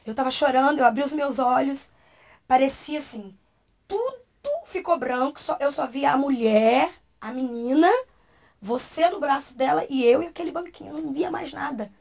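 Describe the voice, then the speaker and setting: A woman's voice: high-pitched, normal speed, gravelly, a little mellow. A woman with a Brazilian Portuguese accent, a talk show guest, telling a personal testimony with emotion and acting out the voices she quotes.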